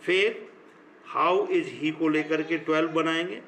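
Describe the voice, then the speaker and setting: A middle-aged man with an Indian accent, a school teacher giving an online grammar lesson in slow, dictation-like phrases, switching between English and Hindi. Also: on the high side, fairly even intonation, fairly bright tone, slight background noise, poor audio.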